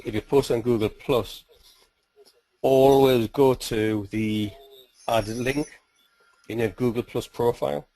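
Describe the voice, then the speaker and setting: A man teaching search-engine tactics in a steady, explanatory webinar style. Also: lowish voice, slightly rough, low-quality recording. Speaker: SEO trainer.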